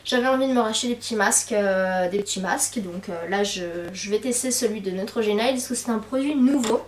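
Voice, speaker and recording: A woman's voice: medium pitch, fast, reverberant, recorded from a distance, slight background noise. A young woman chatting casually to camera about beauty purchases, with frequent hesitant fillers. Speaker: beauty vlogger. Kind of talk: casual haul chat to camera.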